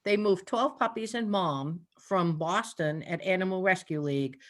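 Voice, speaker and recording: This older woman, an animal communicator being interviewed casually, has a fairly low voice and a normal pace. Chatty and quick to laugh, she fills her stories by voicing what her animals think.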